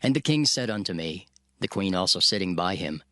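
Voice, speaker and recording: Voicing Nehemiah in a dramatized recording, a male narrator reads scripture in the first person, earnest and prayerful. His low voice has lively intonation, a sharp tone, and a slightly fast pace. Music underscores the clean studio sound, which carries no echo.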